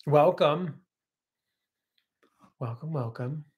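A man's voice: on the high side, extremely slow, muffled recording. A man in his thirties co-hosting a casual livestream from his home kitchen, chatting and reading viewer comments aloud on a webcam. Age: 30s. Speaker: co-host.

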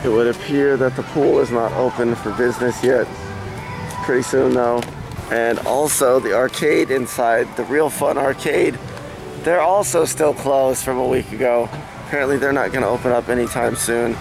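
A man's voice: mid-range voice, fairly even intonation, moderate pace, vocal fry, music in the background. A man hosting a casual vlog outdoors at a theme park, talking into a handheld camcorder in a chatty, self-mocking way. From Florida. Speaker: vlog host. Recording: noisy outdoor camcorder audio.

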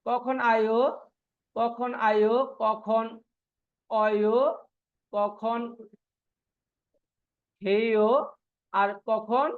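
A man's voice: high-pitched, flat delivery, extremely slow, long pauses. Guy teaching an online class, keeps repeating questions n answers, kinda dull muffled sound. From Bangladesh. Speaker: Korean language teacher.

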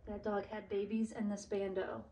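A woman's voice: mid-range voice, flat delivery, normal speed, dark tone. A young woman exploring an abandoned building with a friend, talking nervously and making jokes. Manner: nervous, joking. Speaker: exploring companion. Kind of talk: casual chat. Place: inside an abandoned church. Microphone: phone camera held by another person. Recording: distant, echoey, very noisy phone recording.

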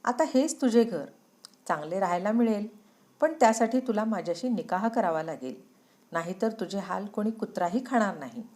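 A woman's voice: mid-range voice, lively intonation, normal speed, a little mellow, close to an everyday voice. A woman voicing a ruthless male villain in a storybook reading, speaking in a cold, threatening way. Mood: cold menacing. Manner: menacing, threatening.

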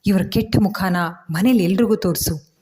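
A frightened young wife, asking worried questions in a pleading tone, as a woman storyteller puts her on. Her voice is mellow and on the low side. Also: normal speed, natural voice. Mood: anxious.

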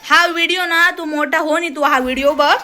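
A woman's voice: high voice, fairly even intonation, brisk, a crowd in the background. A young woman with a Marathi accent, a mother scolding her small son at home in a casual family vlog, exasperated and close to tears. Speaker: mother, vlogger. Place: home, indoors. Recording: noisy home phone recording.

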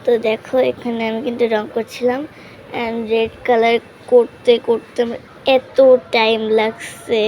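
A young woman hosting a drawing channel, chatting casually about her painting at home and often correcting herself, sometimes speaking softly. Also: a little high, monotone, unhurried. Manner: chatty, self-correcting, drops to hushed voice. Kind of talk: casual drawing tutorial narration. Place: home room. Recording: faint background noise.

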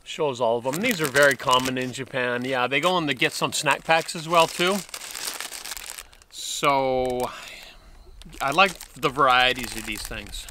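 Seated at a bench in a wooded park, a food vlogger in his fifties casually reviews snacks to the camera, reacting with plenty of mm sounds and exclamations. His medium-pitched voice sounds pushed and bright, he speaks unhurriedly, and there's slight background noise.

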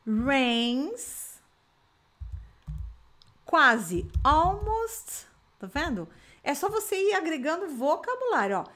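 A woman's voice: high-pitched, a bit bright. Chatty Brazilian woman teaching English. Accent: Brazilian Portuguese. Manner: chatty, reassuring, slows down to model English phrases. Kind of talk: online English lesson.

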